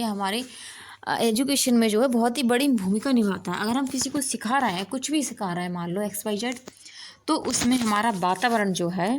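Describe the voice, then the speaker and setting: A woman teacher explaining an exam-prep lesson while writing on a board, checking in with "ठीक है" and asking herself rhetorical questions. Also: a little high. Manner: explanatory, repeats "ठीक है" and asks rhetorical "क्या है"; writes on a board while talking.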